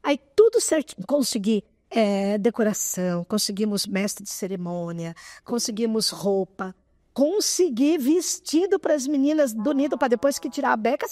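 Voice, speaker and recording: A woman in her sixties recounts a personal story as an interview guest. Her voice sits fairly high and sounds dry and close. She speaks with animated feeling, often close to tears. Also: normal speed, dry recording. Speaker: interview guest, association president.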